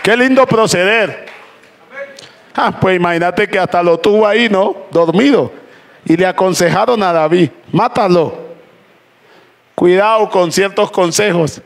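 A man preaching a sermon to a congregation, calling out praises between slow, emphatic phrases. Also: sits high. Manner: impassioned preaching with repeated "aleluya" and "gloria a Dios". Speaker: pastor. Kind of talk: Spanish-language sermon. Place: church hall with congregation. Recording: church crowd faintly audible. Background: congregation responding "amén".

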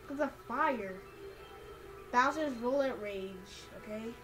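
A woman with a fairly bright, higher-than-average voice gives slow, casual let's play commentary as a gaming video player, slangy and exclamatory and muttering to herself while she plays. Video game music runs in the background.

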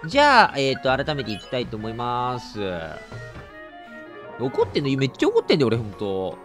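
Kansai-accented male game streamer, wildly animated pitch, joking mock outrage. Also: normal speed, faint music behind. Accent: Kansai Japanese. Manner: joking, exaggerated indignation, lively reactions. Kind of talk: let's play commentary.

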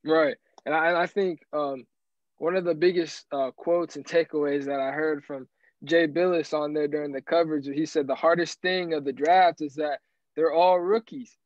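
A man talks as a guest analyst in casual sports chat, animated and rambling, often restarting his sentences. His voice sits fairly high. The recording is dry and dull, with a lo-fi sound. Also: moderate pace, no echo.

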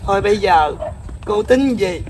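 A woman's voice: medium pitch, expressive, normal speed, a little mellow, natural voice. A middle-aged woman playing a poor mother who reproaches her daughter and pleads for her. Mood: reproachful. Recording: noisy outdoor background.

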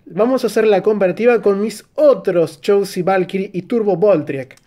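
An Argentine man with an Argentine Spanish accent, narrating a toy unboxing and review with excitable bursts of exclamation. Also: high-pitched, moderate pace.

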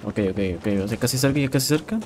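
A young man with a Mexican accent giving casual, excitable commentary while playing a shooter game, swearing and repeating words. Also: mid-range voice, quick pace. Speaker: gameplay streamer. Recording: game sounds and noise in background.

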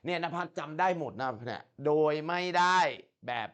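Male tutor, one-on-one English lesson, slightly high voice, slow careful reading, encouraging. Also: a bit bright. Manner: explains in Thai, reads English slowly and carefully, encouraging.

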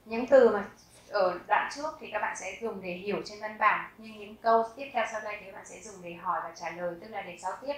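A woman in her thirties giving a language lesson, repeating each example phrase slowly and deliberately. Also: mid-range voice, far from the mic. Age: 30s. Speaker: German teacher. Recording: very echoey room.

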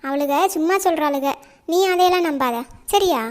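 Lady voicing a doting cartoon mom, soft and cooing, pretty high voice. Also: normal speed, natural voice. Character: doting village mother, affectionate. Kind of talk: cartoon voice acting.

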